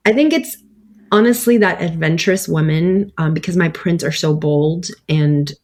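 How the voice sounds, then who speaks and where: A woman's voice: fairly low pitch, normal speed, a little mellow. A woman guest on an interview, talking casually about her clothing brand in a rambling way, with lots of fillers and laughs.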